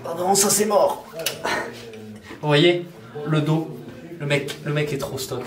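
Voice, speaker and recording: A man filming a caving trip, chatting casually and softly with friends deep underground, his voice echoing off the rock. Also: slow pace. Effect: cave echo. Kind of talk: casual banter among friends. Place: underground cave. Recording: echoey cave with music over it.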